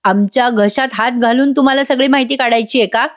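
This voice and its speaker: A woman's voice: fairly high pitch, fairly quick, lightly acted. A woman voicing an angry, proud middle-aged mother-in-law who scolds intrusive reporters. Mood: scolding. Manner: scolding and offended.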